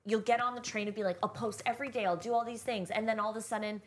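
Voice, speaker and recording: A woman's voice: fairly high pitch, fairly even intonation, very fast. A young woman, a stand-up comedian guesting on a podcast, talking casually and candidly, swearing for emphasis. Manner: candid, swears for emphasis, acts out what people say. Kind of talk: casual chat.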